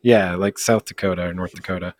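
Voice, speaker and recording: A man's voice: low-pitched, fairly even intonation, fast, dry recording. A man co-hosting a casual gaming podcast, dry and teasing, often laughing. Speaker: podcast co-host. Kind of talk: casual chat.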